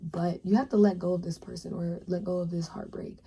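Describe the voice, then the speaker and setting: Young woman, tarot reader, husky, very mellow dark tone, earnest and encouraging, slips into whispers. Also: fairly low pitch, level tone, fairly quick. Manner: earnest, encouraging, talks straight to the viewer. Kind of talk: pick-a-card tarot reading.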